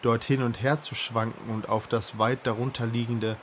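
Calm man reading a children's book. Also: medium pitch, moderate pace, background noise. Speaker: audiobook reader.

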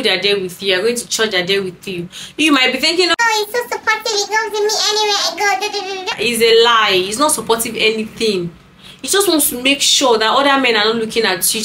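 A woman's voice: a little high, fairly bright tone, slight background noise, poor audio. A woman talking to camera in a casual vlog, giving emphatic, sassy dating advice with scolding asides.

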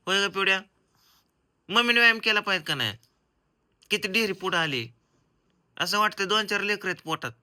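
A man's voice: high voice, animated, a little fast, long pauses. A young man, scolding and teasing his wife in a comic family vlog. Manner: scolding, teasing, loud and bossy. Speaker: comedian vlogger, husband and father.

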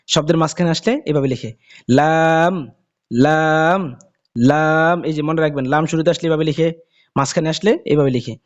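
A man with a teaching Quran reading in a casual spoken lesson, explaining letters and drawling each letter name slowly again and again. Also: fairly high pitch, lo-fi sound.

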